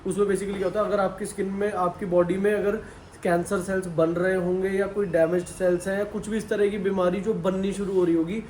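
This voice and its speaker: A man's voice: high-pitched, little pitch movement, brisk, darkish tone. A young man casually chatting as a vlogger, explaining things and teasing his co-host. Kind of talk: casual chat. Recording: roomy sound with faint noise.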